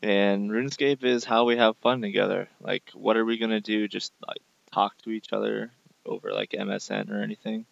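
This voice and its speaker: A man's voice: lowish voice, little pitch movement, moderate pace, vocal fry, no room sound. A young man in an informal, exasperated rant, complaining emphatically on a dull, lo-fi recording. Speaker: gaming video creator. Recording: dull lo-fi dry microphone.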